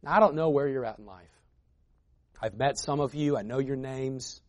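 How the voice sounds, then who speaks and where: A man preaching a sermon as a guest preacher, moving between quiet intimate lines and loud emphatic builds, reading scripture aloud. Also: medium pitch, normal speed. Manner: reads scripture aloud between conversational asides.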